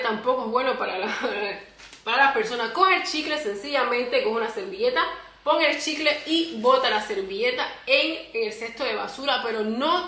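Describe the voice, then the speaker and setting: High, bright Cuban woman vlogging. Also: roomy sound. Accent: Cuban Spanish. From Cuba. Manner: chatty, animated, acts out little quoted scenes. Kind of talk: casual advice vlog.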